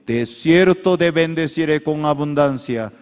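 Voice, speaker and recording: A man with a fairly high, smooth voice preaches at a measured pace, using plain Spanish that is not his native tongue. He calls on the congregation to say his words back and put their hands up, and the recording carries the echo of a large hall.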